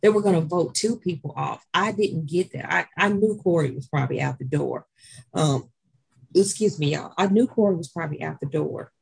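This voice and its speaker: A woman co-hosting a casual chat about a reality dating show, thinking out loud in long rambling explanations. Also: sits low, normal speed, creaky, slightly rough, poor audio.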